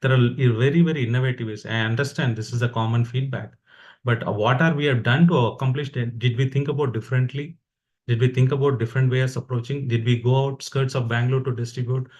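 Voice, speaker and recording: A man's voice: medium pitch, steady tone, quick pace, darkish tone, highs cut off. A man with an Indian accent delivers an informal devotional talk. He exhorts his listeners in a conversational, motivating way, as a fellow practitioner would.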